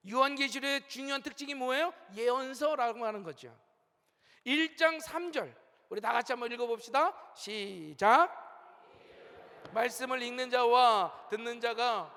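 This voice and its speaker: In a large sanctuary with long, echoing hall reverb, a middle-aged senior pastor delivers a sermon in an extremely high, pushed, bright voice. He stresses his words strongly and swings up and down while guiding the congregation through call-and-response.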